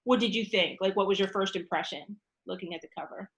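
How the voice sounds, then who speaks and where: A storytime host and teacher leads an interactive read-aloud, asking her listeners questions as she talks through a book. She speaks fast, with a medium pitch and fairly bright tone.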